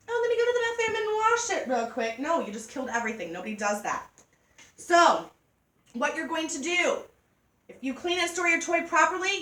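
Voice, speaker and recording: A woman giving a joking, animated sales demonstration to a group of women. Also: high voice. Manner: chatty, joking, animated storytelling. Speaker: party product consultant. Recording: echoey room from far off.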